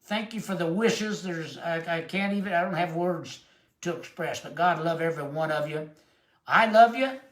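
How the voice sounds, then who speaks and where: Emphatic older Texan preacher, echoey room. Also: male voice, on the high side. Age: 70s. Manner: emotional, emphatic preaching with drawn-out quotes. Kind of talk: sermon.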